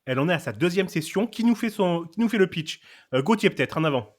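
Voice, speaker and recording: Guy hosting a chatty podcast, kinda higher voice, playful and showy. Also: lively intonation, fast talker. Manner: playful, theatrical introductions. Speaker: podcast host. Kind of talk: casual chat.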